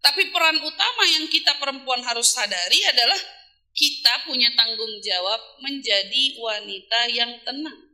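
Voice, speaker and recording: Bright high-voiced woman preacher. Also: normal speed. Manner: lively, asks rhetorical questions and answers them. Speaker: Islamic preacher. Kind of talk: casual religious talk to women.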